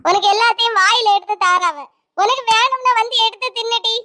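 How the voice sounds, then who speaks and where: A voice actor playing a bossy middle-aged mother with a Kanyakumari accent who scolds and teases her family in a cartoon. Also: extremely high pitch. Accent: Kanyakumari Tamil. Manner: sharp, scolding, quick comebacks.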